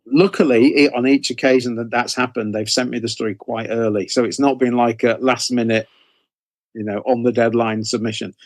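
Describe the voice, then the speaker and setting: Speaking a little fast in a steady, mid-range voice on a dry recording, an author and anthology editor gives casual answers as an interview guest. His explanations come haltingly, full of repetitions and self-corrections.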